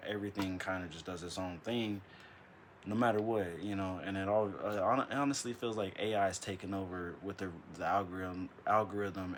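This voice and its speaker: A man vlogging late at night in a dark room, talking into an iPad's built-in mic. He rambles, stammers and restarts, and says "bro" constantly. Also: low-pitched, noisy background. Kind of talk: casual late-night monologue. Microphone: iPad built-in mic.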